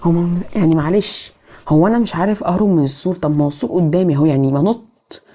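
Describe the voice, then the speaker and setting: A woman with an Egyptian accent giving excitable let's play commentary, scolding the game characters. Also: on the low side, racing. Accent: Egyptian Arabic. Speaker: gamer.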